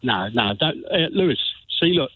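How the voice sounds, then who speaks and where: Radio caller: a sixties London man on a phone line, husky and dry, blunt and repetitive. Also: a little high, lively intonation, moderate pace, no room sound. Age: 60s. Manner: blunt, insistent, repeats himself. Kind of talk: heated phone-in argument.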